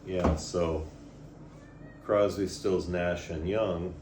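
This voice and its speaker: Speaking very slowly in a low, steady voice, an older man shares his story as a guest in casual talk. He rambles, hesitates, and often lets his words trail off, while the echoey room carries audible background noise.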